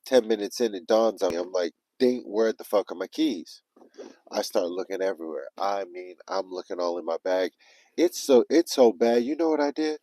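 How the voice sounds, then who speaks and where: A man's voice: sits low, fairly quick, dry recording, rough recording. A man telling a story casually on a livestream, swearing often and acting out his own panicked self-talk. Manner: animated, profane, retelling with quoted self-talk. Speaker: livestream vlogger.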